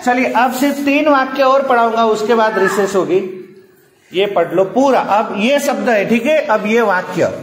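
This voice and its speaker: A man's voice: high-pitched, normal speed. A man teaching a class of young children. He coaxes them patiently through words and sentences, repeating each one. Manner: patient, coaxing, repetitive drilling. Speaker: primary school teacher. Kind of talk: classroom lesson. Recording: echoey noisy classroom.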